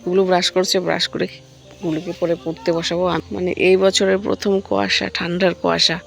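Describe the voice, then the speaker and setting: A woman with a hoarse, gravelly voice talks through a casual family vlog, chatting to her viewers and coaxing her little boy. Her pitch sits in an ordinary middle range, and soft music plays faintly underneath. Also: flat delivery, fast. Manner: chats to the viewers, then coaxes her young son. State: hoarse, worn-down voice. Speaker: vlogger and mother. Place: at home, partly outdoors on a foggy morning.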